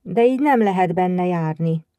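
A woman's voice: fairly low pitch, lively intonation, mellow, no room sound, lightly acted. A woman voicing a shabby little boy who speaks unsure and pleading. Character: shabby timid young boy.

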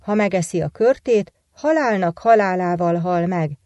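A woman's voice: lowish voice, expressive, dark tone, no room sound, close to an everyday voice. A woman voicing the vengeful, scheming daughters-in-law of a witch in a folk tale, plotting a trap. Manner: plotting, boastful.

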